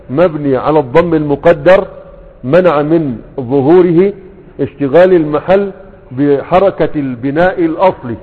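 A man's voice: on the high side, breathy edge. A man with an Egyptian accent teaching Arabic grammar, who keeps posing questions to the class and answering them himself. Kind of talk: grammar lesson explaining a classical text. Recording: tinny phone-like sound with long hall reverb.

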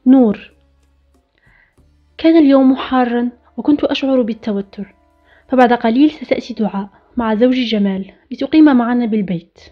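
A woman tells a story in the first person, her voice set a little high. She reads at a rapid clip in an even, steady storytelling manner. The recording is dull and lo-fi, with quiet music in the background. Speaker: narrator. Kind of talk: scripted story narration.

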